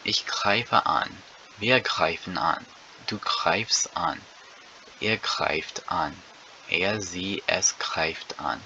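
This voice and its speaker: A man teaching a lesson, drilling verb conjugations word by word and repeating each one deliberately, with an occasional slip. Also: deep voice, vocal fry, sharp tone, lo-fi sound, slight background noise. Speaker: language teacher.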